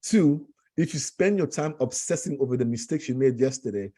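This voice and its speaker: A man from Cameroon talks as a guest over a video call in a mellow, husky voice. He speaks earnestly, pressing his points and repeating words for emphasis. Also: mid-range voice, expressive, fairly quick. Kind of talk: conversational talk.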